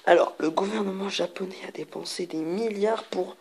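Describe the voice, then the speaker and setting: A woman's voice: medium pitch, normal speed, darkish tone, a little hiss or hum. A woman playing an online party card game on her channel, reading the cards aloud, laughing often and cracking crude jokes. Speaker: gamer, video host. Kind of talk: let's play commentary.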